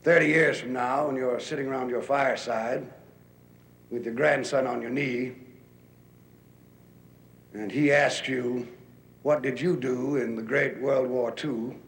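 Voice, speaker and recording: A man voicing a gruff, bombastic army general as a sock puppet, delivering a theatrical comic monologue in a declamatory, deliberate way. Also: medium pitch, steady tone, lightly acted. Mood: solemn, proud. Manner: declamatory, deliberate, with long pauses. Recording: roomy echo.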